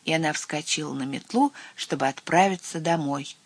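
Expressive storyteller reading a fairy tale. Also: medium pitch, normal speed, no echo. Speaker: narrator.

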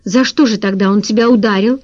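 Strict mother, read by a woman, scolding, mellow voice, dull lo-fi recording. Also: mid-range voice, fairly even intonation, a little fast, natural voice.

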